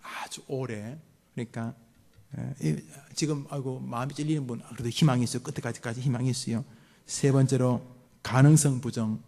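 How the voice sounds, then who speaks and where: A man's voice: mid-range voice, brisk, vocal fry. A middle-aged man, a pastor giving a sermon to a mothers' prayer meeting, joking and acting out scolding parents. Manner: lively, jokes with the congregation and acts out parents' scolding.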